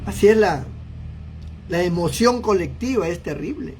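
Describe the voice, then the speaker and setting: A man's voice: high-pitched, expressive, moderate pace, darkish tone, slight background noise. A man preaching a sermon as a pastor, with impassioned delivery, acting out the voices of a crowd.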